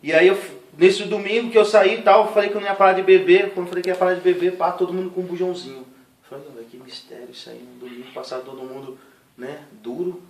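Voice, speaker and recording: A man's voice: high-pitched, fast talker. Slangy young São man, echoey. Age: young adult. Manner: slangy, animated storytelling with voiced impressions. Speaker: testimony giver. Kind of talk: casual spoken testimony. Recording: echoey room, distant mic, noisy.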